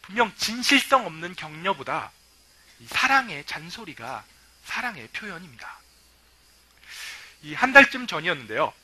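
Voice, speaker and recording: A male pastor preaching a sermon, telling stories lively and acting out what people say. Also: high-pitched, moderate pace. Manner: lively storytelling, acting out quoted remarks.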